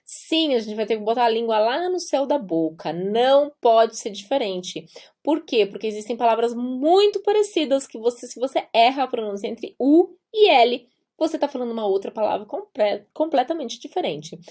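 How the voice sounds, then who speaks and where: A Brazilian woman with a Brazilian Portuguese accent teaches German pronunciation in a patient, emphatic way. Her voice sits a little high. She repeats the key words and slows down to draw out each example sound. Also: big pitch swings, a little mellow. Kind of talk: pronunciation lesson.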